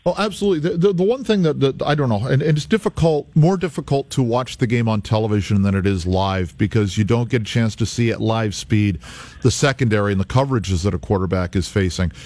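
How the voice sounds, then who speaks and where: A man's voice: lowish voice, fast talker, a little mellow. A man who does play-by-play, talking football on a radio show with many stammered restarts. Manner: stammering restarts, eager to agree. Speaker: play-by-play broadcaster guest. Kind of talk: sports talk radio discussion.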